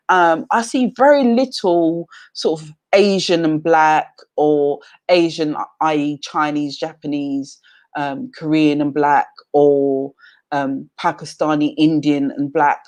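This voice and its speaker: A young adult woman from England chatting casually on a livestream, reading out viewer comments and rambling with many fillers and restarts. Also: on the low side. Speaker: livestream host.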